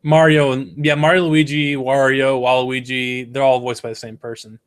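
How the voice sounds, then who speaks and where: A man's voice: mid-range voice, little pitch movement, moderate pace, clear, resonant tone. Rambling man co-hosting casual chat. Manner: rambling, trails off with fillers. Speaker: co-host.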